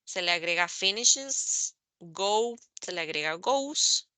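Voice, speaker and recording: Slow, bright-voiced woman teaching English. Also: fairly low pitch, animated, dry recording. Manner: slow, careful, spells out letters and repeats examples. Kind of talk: online class explaining grammar. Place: online meeting recording.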